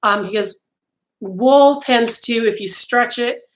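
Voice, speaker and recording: Over a webcam in her small home craft room, a middle-aged woman who is losing her voice chats casually with live viewers, full of ums and restarts and talking with her hands. Her voice is a little high and she takes it slowly.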